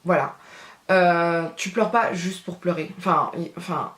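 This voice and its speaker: A woman's voice: fairly low pitch, steady tone, measured pace, fairly bright tone. A woman in her thirties, a beauty vlogger, chatting casually to camera in a slangy way with lots of hesitant fillers. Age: 30s. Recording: echoey room.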